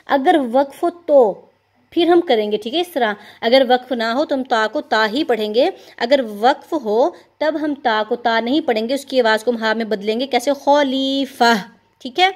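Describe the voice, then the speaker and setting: A woman teaching Quran recitation rules, explaining patiently step by step and stretching words slowly when she demonstrates sounds. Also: on the high side. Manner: patient, explains step by step, repeats "theek hai".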